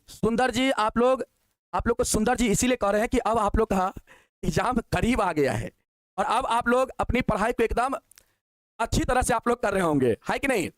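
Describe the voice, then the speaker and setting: High-voiced coaxing maths teacher. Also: male voice, no room sound. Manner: coaxing, calls students "babu", asks quick questions. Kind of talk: online exam-prep lesson.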